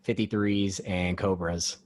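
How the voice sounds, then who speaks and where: A man hosting a casual podcast interview, talking in an easygoing, conversational way with halting fillers. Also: low-pitched, flat delivery. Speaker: podcast host.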